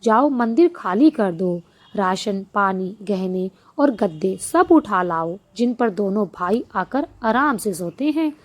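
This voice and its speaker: Woman doing a proud goddess, calm and bossy, slow. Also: medium pitch. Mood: commanding. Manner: calm, commanding.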